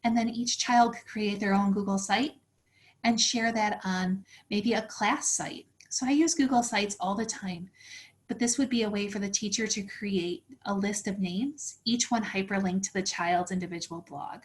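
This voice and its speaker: A woman's voice: mid-range voice, moderate pace. A woman presenting a teacher workshop, explaining tools step by step in a friendly, practical way. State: slightly out of breath. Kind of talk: instructional webinar walkthrough.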